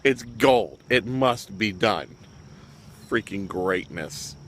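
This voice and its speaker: A man's voice: fairly low pitch, expressive, slow pace, slight background noise. A man talking casually as he reviews a web series episode, rambling with fillers and throwing in jokey asides. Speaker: show reviewer.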